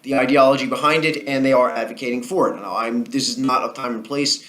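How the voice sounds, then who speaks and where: A man's voice: medium pitch, steady tone, quick pace, a bit bright. Rambling argumentative man with Jersey accent. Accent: New Jersey. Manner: rambling, argumentative, with frequent ums and restarts. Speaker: political commentary vlogger. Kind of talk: casual solo commentary.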